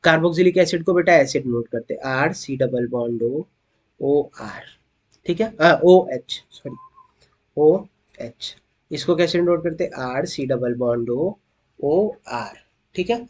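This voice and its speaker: A young male chemistry tutor leads an online lecture in a slightly high voice. He keeps asking his students questions and calls them beta. He drops to a slow, deliberate pace whenever he spells out a formula. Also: a little mellow. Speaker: chemistry teacher. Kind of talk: online lecture, explaining at a board.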